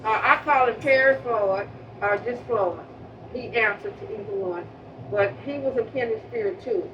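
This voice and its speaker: A woman's voice: on the high side, normal speed. Woman, earnest, heard from a distance. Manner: earnest, repeats and restarts words. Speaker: public housing resident remembering a neighbor. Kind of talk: emotional spoken remembrance. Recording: distant mic, muffled sound, steady background noise.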